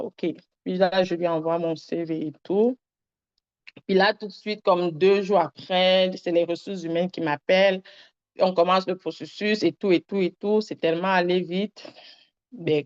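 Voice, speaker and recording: A woman's voice: lowish voice, darkish tone, smooth. A young woman sharing a personal faith testimony, rambling and earnest with many fillers. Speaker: testimony giver. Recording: dull lo-fi sound.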